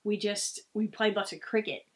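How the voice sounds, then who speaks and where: This Australian-accented woman in her thirties chats to camera as a vlogger, sitting in a small room of her home and drifting through stories reflectively and casually. She speaks at a normal speed, with a medium pitch and a steady tone.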